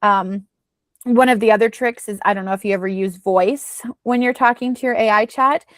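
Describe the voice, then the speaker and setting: A woman's voice: medium pitch, normal speed, no echo. A woman coach giving chatty, casual advice with plenty of fillers. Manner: chatty, advising, many fillers. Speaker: business coach.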